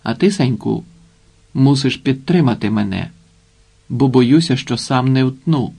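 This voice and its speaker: Storybook old sorcerer, gravelly and firm, read by a male narrator. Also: medium pitch, lively intonation, a little slow, warm tone, heavily acted. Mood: commanding. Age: older. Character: old male village sorcerer, gruff and resolute.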